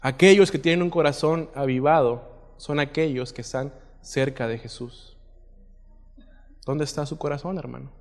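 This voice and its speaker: A man's voice: medium pitch, normal speed. Man preaching in a reverberant church hall. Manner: reads scripture aloud with swelling emphasis, questions the congregation. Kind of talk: sermon.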